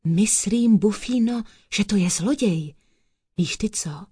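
A woman's voice: medium pitch, expressive, mellow, husky, no echo, clean studio sound. Woman doing Jura, a sly whispering cat. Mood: hushed scheming. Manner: whispered, hissing.

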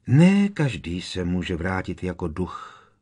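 A man's voice: lowish voice, sing-song. A man voicing a mournful, courtly ghost. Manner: quiet, mournful, hesitant. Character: sorrowful male ghost, old courtly gentleman. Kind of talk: audiobook character reading.

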